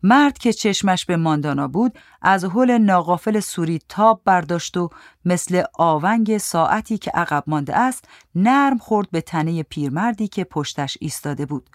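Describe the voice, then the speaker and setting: Brief: female audiobook narrator, lowish voice, measured storytelling, dry booth sound. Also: lively intonation, no room sound.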